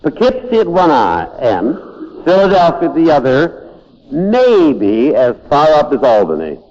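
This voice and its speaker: A man's voice: a little high, big pitch swings, unhurried, a little mellow. A man giving an inspirational lecture to an audience in a hall, emphatic and driving home points by repeating words. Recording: dull lo-fi recording with long hall reverb.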